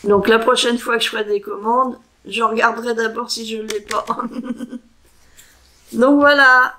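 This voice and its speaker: Slow, unhurried woman with a higher voice. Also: fairly even intonation, pushed and bright, slight background noise, low-quality recording. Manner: unhurried and hesitant, sounding out foreign words slowly; chatty with frequent fillers and self-corrections. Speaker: crafting vlogger. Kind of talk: casual show-and-tell craft chat.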